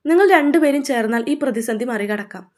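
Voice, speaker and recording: Woman as a steady, encouraging elder of the village, firm, slightly high voice. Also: a little fast, natural voice. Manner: firm, forceful. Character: caring older village man, firm and encouraging.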